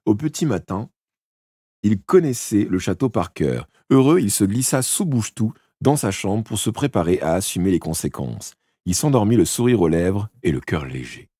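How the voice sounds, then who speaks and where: Deep, husky man reading a storybook. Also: normal speed, no room sound, studio quality. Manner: expressive reading with small slips and self-corrections. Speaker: audiobook narrator. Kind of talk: reading an audiobook on a live stream.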